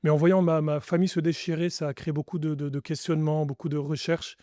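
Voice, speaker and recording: A man's voice: on the high side, level tone, fast talker, dark tone, no room sound, clean studio sound. A French man, a pastor, giving his testimony in an earnest, reflective way with frequent restarts. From France. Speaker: pastor, podcast guest. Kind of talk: testimony interview.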